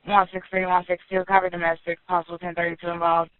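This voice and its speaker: High flat man dispatching over walkie-talkie. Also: smooth, no echo. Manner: clipped, brisk code-speak. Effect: heard over a police walkie-talkie radio. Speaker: police dispatcher. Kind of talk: police radio traffic. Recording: tinny, dry radio channel.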